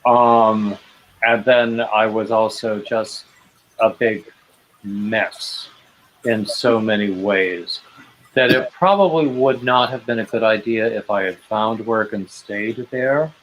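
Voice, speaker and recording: A man's voice: on the low side, slow, fairly bright tone, slight background noise, low-quality recording. A man in his fifties hosting a casual knitting livestream, hesitant and self-deprecating, with dry jokes and many restarts. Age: 50s. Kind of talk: casual chat while knitting.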